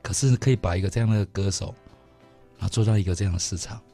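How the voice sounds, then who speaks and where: A middle-aged man with a Taiwanese Mandarin accent talks quickly and eagerly on a radio show, his voice on the low side. He tells stories with energy, and soft music plays behind him. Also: vocal fry. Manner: fast, animated storytelling with laughs. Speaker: radio host. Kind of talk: casual radio chat. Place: radio studio.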